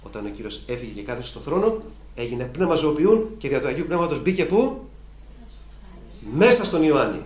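A man's voice: on the high side, very animated, a little mellow. A man preaching a sermon, emphatic and repetitive, building to fervent peaks. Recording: echoey room with faint ambience.

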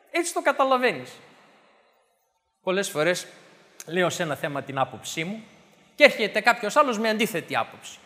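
A man preaching a sermon. He speaks animatedly, building to emphatic bursts and then dropping low. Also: a bit bright, long reverb tail.

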